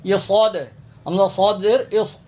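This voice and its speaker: A high-pitched man leads a recitation lesson, breaking words into letters and vowel marks. He repeats every point patiently and earnestly asks listeners to fix their pronunciation. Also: steady tone. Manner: patient, repeats each sound several times, earnest pleading. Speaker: Quran recitation teacher. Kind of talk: tajweed lesson, spelling out and drawing out verses.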